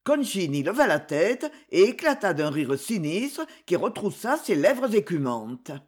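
An audiobook narrator telling an adventure story in a measured, unhurried way. The delivery swoops up and down expressively. The voice carries a husky, slightly breathy texture. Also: medium pitch, big pitch swings.

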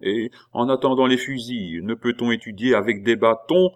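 Guy doing a keen young recruit, voice jumps way up, all excited. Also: moderate pace, natural voice. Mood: eager. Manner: excited, high and pushy. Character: eager young male village recruit.

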